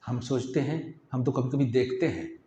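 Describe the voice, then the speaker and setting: A man's voice: mid-range voice, normal speed. A man preaching a sermon, asking rhetorical questions and acting out bits of speech. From Hyderabad, India. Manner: animated, rhetorical questions, acts out quoted speech. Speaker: Islamic preacher. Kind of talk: Urdu sermon with personal anecdotes. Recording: echoey, dull lo-fi hall recording.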